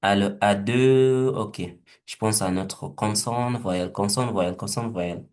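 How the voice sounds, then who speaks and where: A man leading a teaching webinar, thinking aloud slowly and hesitantly as he walks through a word game. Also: fairly low pitch, a little mellow. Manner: slow, hesitant, thinking aloud with repeated words.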